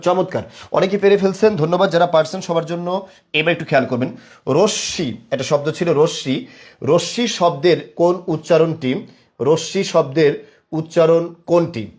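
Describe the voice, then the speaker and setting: A young man teaching a live online class, quizzing viewers and praising them again and again. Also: on the high side. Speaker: online tutor.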